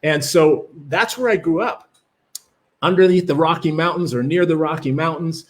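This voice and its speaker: This livestream presenter, a man from Jamaica who grew up in Canada and has a Canadian accent, runs a live webinar. His voice is on the high side at a normal speed, and he chats enthusiastically with lots of fillers while welcoming viewers from the chat.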